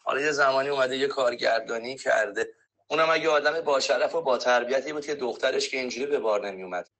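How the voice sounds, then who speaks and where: A man's voice: mid-range voice, a bit bright. A man leaving an indignant, blunt voice message of support.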